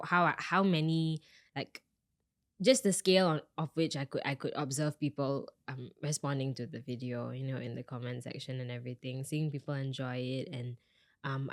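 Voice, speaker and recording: A young woman from Singapore, a singer-songwriter, chatting casually in an interview, lively when she quotes herself. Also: rumbling low, no room sound, studio quality. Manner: chatty, animated when quoting herself, laughs often.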